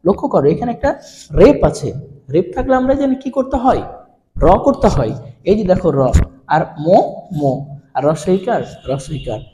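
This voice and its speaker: A man's voice: high voice, sing-song, moderate pace, pauses often, dull audio, noisy background. Man teaching pronunciation in a roomy hall. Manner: question-and-answer drilling, repeating each answer. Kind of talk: pronunciation lesson for students. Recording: roomy with long reverb.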